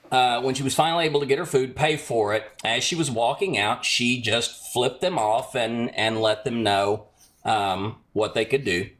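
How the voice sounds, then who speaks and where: A man calling in to a live stream, telling a friend's story in a measured, hesitant way with many pauses. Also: medium pitch, a bit bright. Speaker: caller. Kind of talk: telling a personal account.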